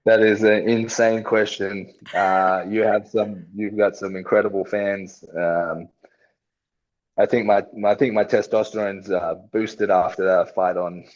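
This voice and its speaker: Aussie fighter guy chatting easy, real low voice, bit of a muffled recording. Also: flat delivery, unhurried. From Australia. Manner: laid-back, swears casually. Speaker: professional fighter, guest. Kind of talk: casual interview chat.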